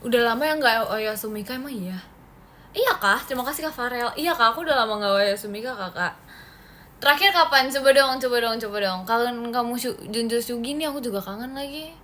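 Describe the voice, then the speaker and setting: A woman's voice: on the high side, fairly quick, fairly bright tone, slight background noise. A young woman from Indonesia hosting a casual phone livestream, chatting with viewers, answering comments and laughing often. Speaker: idol livestream host.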